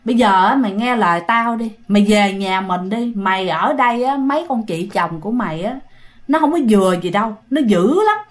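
A woman's voice: medium pitch, lively intonation, fairly quick, natural voice. A woman voicing the bitter, scolding spirit of a dead young woman in a told ghost story. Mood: bossy. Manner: scolding, blunt.

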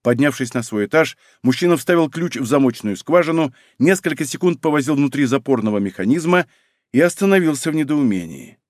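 A man narrates a novel with lively pitch and expressive delivery. The recording is dry, close and clean. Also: brisk, no room sound. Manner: expressive storytelling. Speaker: audiobook narrator. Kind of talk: scripted narration.

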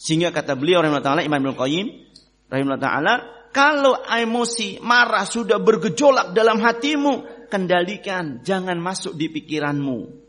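A man delivers a sermon to his brothers in faith, his voice sitting somewhat high. He swings from loud, rising emphasis to quiet, low asides. He keeps asking the listeners questions. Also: lively intonation, brisk. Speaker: preacher.

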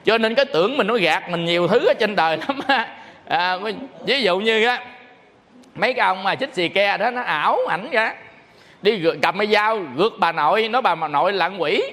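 A Buddhist monk giving a sermon, animatedly telling stories and acting out phone calls. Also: male voice, high voice, expressive, a little fast, a bit bright. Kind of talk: sermon with storytelling. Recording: long hall reverb.

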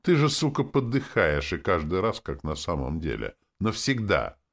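A man voicing a cocky spirit companion in an audiobook, teasing and crude. The voice sits very deep with a creaky, gravelly edge, and the pitch swings widely as he mocks. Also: very animated, moderate pace, full character voice. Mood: mocking.

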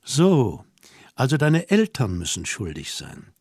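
A man reading an audiobook voices a young woman who teases and orders her companion about, asking brisk, mocking questions. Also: medium pitch, huge pitch swings, darkish tone, husky, no echo, studio quality, heavily acted. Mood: scolding. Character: young woman, teasing, bossy and self-assured. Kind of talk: audiobook dialogue.

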